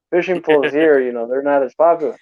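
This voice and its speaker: A man from a desert region hosts a livestream, reading viewer comments over a video call in a laid-back manner, chuckling often and drawing out his fillers. His voice is fairly high and a little mellow, coming through a remote call mic as dull, dry audio with no room sound.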